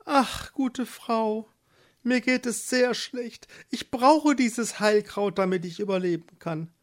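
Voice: mid-range voice, slow, voice pushed up, close to an everyday voice. A narrator voicing a desperate young pregnant wife in a storybook, pleading. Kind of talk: storybook reading.

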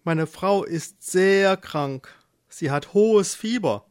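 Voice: mid-range voice, lively intonation, takes it slowly, clear, resonant tone, voice pushed up. A storyteller voicing a worried, timid working man who speaks in an anxious, pleading way, for a children's storybook. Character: worried, timid male worker.

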